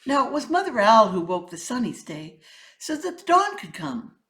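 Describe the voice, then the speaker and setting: With a slightly high, bright, sing-song voice at a moderate pace, a woman tells a children's story. She performs it theatrically and emphatically, leaning on rhythmic sound words.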